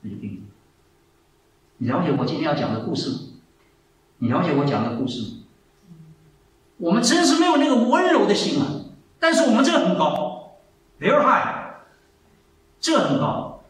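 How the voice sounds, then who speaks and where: A man in his seventies preaching a sermon, telling stories with lively, repeated phrases. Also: fairly high pitch, normal speed, pauses often. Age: 70s. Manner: animated storytelling, repeats phrases. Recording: echoey hall, mic far off, faint ambience.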